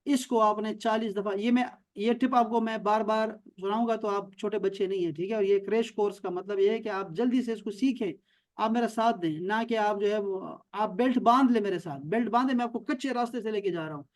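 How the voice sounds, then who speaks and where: A man teaching an online language class, emphatic and drilling words over and over on a video call. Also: high-pitched. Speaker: Arabic teacher.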